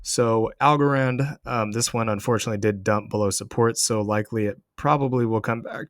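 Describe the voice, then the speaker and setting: Low-voiced man doing casual market commentary. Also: brisk, no echo, clean studio sound. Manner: explanatory, addressing viewers directly. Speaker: crypto trading channel host. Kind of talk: casual market commentary over price charts.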